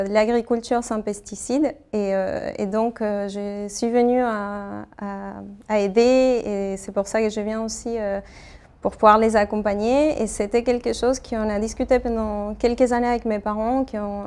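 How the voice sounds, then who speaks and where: Woman, 30s, interview answers, level even tone, halting with fillers. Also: mid-range voice. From Argentina. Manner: hesitant, many fillers and restarts. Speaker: architect interviewee.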